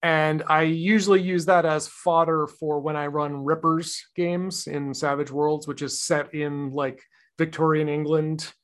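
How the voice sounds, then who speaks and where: A man's voice: a little high, flat delivery, unhurried. A man co-hosting a podcast in casual chat, rambling and thoughtful, with many fillers and restarts. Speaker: podcast co-host.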